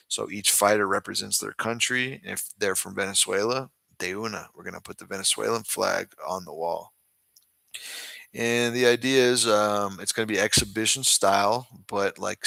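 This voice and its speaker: A man's voice: fairly low pitch, creaky, pushed and bright, no room sound. A man from the United States chatting casually and informally as host, speaking directly to his viewers. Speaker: host, boxing club trainer. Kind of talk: casual livestream chat.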